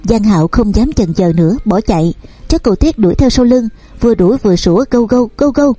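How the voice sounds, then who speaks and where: A woman narrating a romance novel and reading every character's lines in her own voice, over soft background music. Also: on the high side, lively intonation, fairly quick, dry recording. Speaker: audiobook narrator. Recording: dry close recording with soft music underneath.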